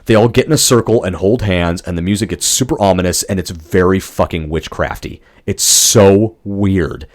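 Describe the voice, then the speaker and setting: Exasperated low-voiced man ranting. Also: normal speed, hardly any pauses. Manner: ranting, exasperated, swears freely. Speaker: podcast co-host. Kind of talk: casual movie review chat.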